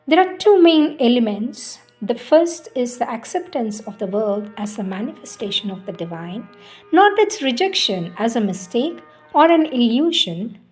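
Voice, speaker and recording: A woman reads spiritual teachings in a solemn, devotional way, emphatic and deliberate, with pauses between phrases. Her voice is fairly high in pitch with a darkish tone.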